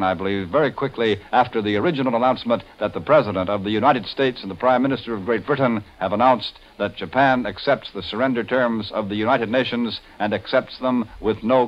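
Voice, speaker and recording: A man anchoring a 1940s radio news broadcast in steady, polished announcer style. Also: lowish voice, highs cut off.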